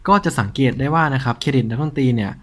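Man, husky voice, mid pitch, informal collector-show host, casual show-and-tell delivery. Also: animated, rapid-fire, fairly bright tone.

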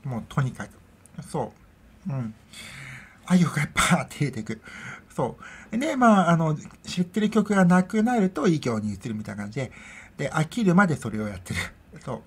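Speaking low and brisk with big swings in pitch and a slightly rough texture, a middle-aged podcast host chats on her own into her microphone. She rambles casually and laughs a lot.

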